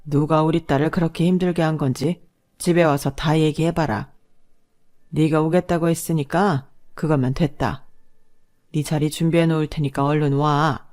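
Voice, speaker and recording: A woman's voice: sits low, fairly even intonation, normal speed, lightly acted. A woman reading a protective older father. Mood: warm. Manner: warm, reassuring.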